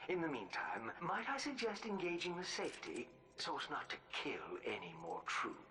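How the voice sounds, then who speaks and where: A man's voice: on the high side, huge pitch swings, normal speed, pushed and bright, full character voice. An actor playing a deferential, dry villain's henchman in a video game, formal and understated. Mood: dryly deferential. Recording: echoey, noisy game audio.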